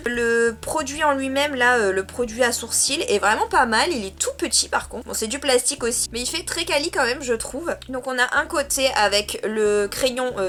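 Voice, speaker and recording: A young French woman with a high, slightly bright voice chats through a casual makeup vlog. As a beauty vlogger, she hesitates a lot while applying products.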